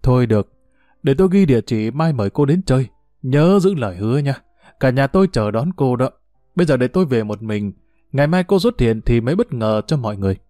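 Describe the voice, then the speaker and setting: A man's voice: medium pitch, animated, fairly quick, mellow, no echo, studio quality, faint music behind, lightly acted. A man voicing a proud, teasing old retired official who talks in a boastful, bureaucratic way. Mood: gentle.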